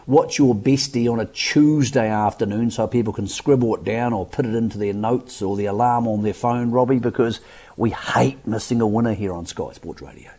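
An Australian man with a dark, slightly rough voice hosts sports radio. He is chatty and matey as he interviews racing guests in a casual style. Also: mid-range voice, normal speed.

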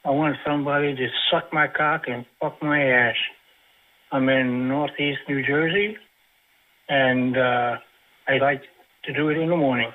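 A man in his sixties leaving a slow, halting voice message over a landline phone. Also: mid-range voice, steady tone. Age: 60s. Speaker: caller on a phone chat line. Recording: tinny narrow phone line, distant.

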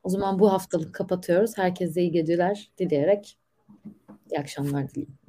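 A woman's voice: lowish voice, brisk, warm tone, a little hiss or hum. A woman hosting a live online discussion in a conversational, courteous and appreciative way.

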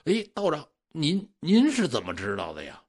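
A man voicing a worried, kind-hearted old farmer who stammers and exclaims in a husky voice. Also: a little high, huge pitch swings, moderate pace, exaggerated voice. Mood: fretful. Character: old male farmer, anxious and good-hearted.

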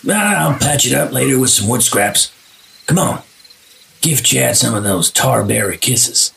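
A man playing a crude young bro in a game, with a heavily gravelly voice at a middle pitch. He sounds a little far from the mic, with faint crickets outside. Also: lively intonation, a little slow, fairly bright tone, a little hiss or hum, exaggerated voice. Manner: crude, swears, bro slang.

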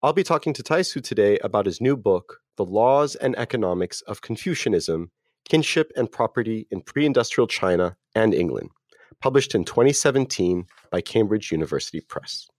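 A man's voice: lowish voice, expressive, moderate pace, a little mellow, no echo, clean studio sound. A man hosting a podcast, introducing his guest politely and formally. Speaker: podcast host. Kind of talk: scripted interview intro.

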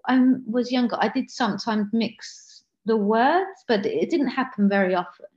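Her voice fairly high and darkish, this guest author talks at an ordinary speed in a relaxed interview, earnest throughout, frequently restarting and correcting herself. The lo-fi audio sounds slightly dull.

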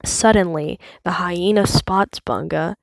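A woman reading a children's storybook aloud, slow, clear and measured. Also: on the low side, no echo. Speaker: storybook reader.

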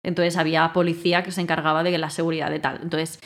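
A woman telling a story in casual conversation, acting out her own lines with bursts of loudness. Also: low-pitched, fast. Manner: animated, acts out her own quotes loudly. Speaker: guest.

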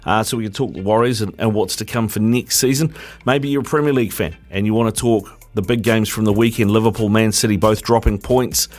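Kiwi guy hosting sports talkback, slightly deep voice, matey slang, casual live radio chat. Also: a little fast, a little mellow. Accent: New Zealand. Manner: colloquial, matey. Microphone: radio studio mic.

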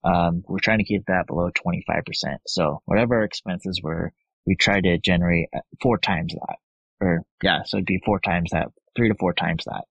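Low-voiced male podcast guest, laid-back storyteller, dry and slightly muffled recording. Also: fairly even intonation, normal speed, creaky, a bit bright, husky, no echo. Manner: laid-back, quotes people in higher voices, laughs often. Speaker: podcast guest, blackjack player. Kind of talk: casual storytelling chat.

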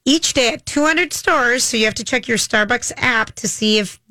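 A woman's voice: on the high side, normal speed, sharp tone, no room sound. An American woman hosting a casual radio talk show. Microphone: close studio microphone.

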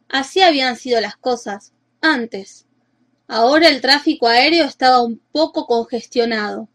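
A woman narrating a children's storybook in a lively, expressive way. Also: high-pitched.

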